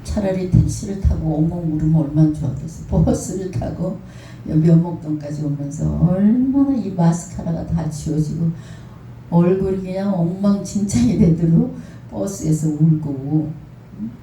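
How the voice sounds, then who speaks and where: A woman's voice: on the low side, moderate pace, warm tone. An older woman pastor giving a testimony sermon, telling her story emphatically and checking in with listeners again and again. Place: prayer house worship hall. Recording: roomy hall, distant mic, faint hiss.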